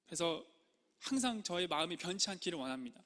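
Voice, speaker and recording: High, bright-voiced preaching pastor. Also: male voice, very animated, quick pace, big-room sound. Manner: earnest preaching, acts out prayers and quotes. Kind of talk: sermon.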